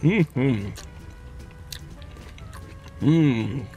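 A man's voice: medium pitch, animated, drawn-out words, dark tone, husky, soft background music. Man chewing, mouth full of pizza. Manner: enthusiastic, hollers woo. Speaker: food reviewer. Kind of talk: casual food review vlog.

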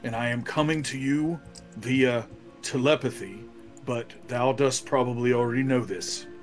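A man's voice: mid-range voice, moderate pace, lightly acted. A man playing an earnest, cautious fantasy warrior who speaks in formal thee-and-thou style in a tabletop game. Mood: earnest, wary. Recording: clear music bed.

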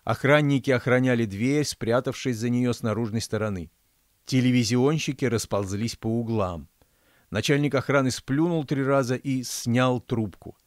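A man, the author, reading his fairy-tale audiobook in a measured, storytelling manner. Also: medium pitch, dry recording, studio quality. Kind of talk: audiobook narration.

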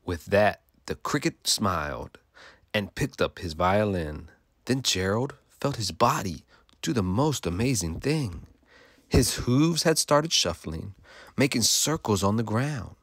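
A man's voice: fairly low pitch, animated, takes it slowly, fairly bright tone, dry recording, clean studio sound. A male teacher reading a rhyming picture book aloud to children in a sing-song way, stopping to ask them questions.

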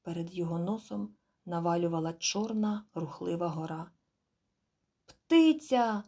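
A woman narrating an audiobook in a measured, quiet, expressive storytelling manner. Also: mid-range voice, husky. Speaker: audiobook reader. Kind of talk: scripted narration.

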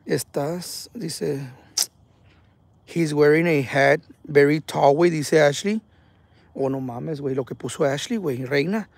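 A man hosting a live ghost-hunting stream outdoors at night, talking excitably in slang and reading viewer comments aloud. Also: on the high side, slow pace, gravelly, no room sound. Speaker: paranormal livestream host.

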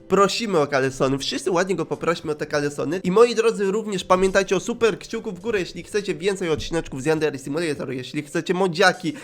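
A man hosting a video game playthrough, talking in an energetic, animated way, making silly sound effects and swinging between loud outbursts and mutters. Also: a little high. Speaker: gaming video host. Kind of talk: energetic let's-play commentary.

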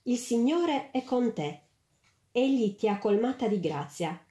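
A woman voicing a hesitant male angel messenger in a storybook reading, gentle and earnest, in a roomy space. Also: a little high, animated, unhurried, voice pushed up. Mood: solemn. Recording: roomy echo.

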